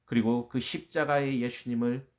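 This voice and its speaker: A man preaching a Sunday sermon as pastor, dropping to near whispers and then rising to loud, ringing declarations. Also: mid-range voice, steady tone, normal speed. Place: church.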